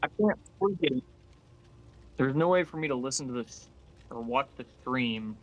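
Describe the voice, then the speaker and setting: A man talking as a friend over voice chat during a game stream, blunt and loud, swearing freely. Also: medium pitch, lively intonation, normal speed, low-quality recording. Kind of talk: casual gaming banter.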